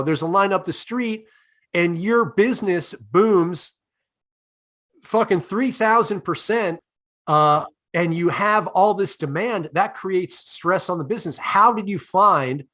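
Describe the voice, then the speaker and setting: A man with a high voice hosts a comedy podcast. He lays out long, deadpan, profane setups before each question. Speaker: podcast host. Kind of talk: comedic interview.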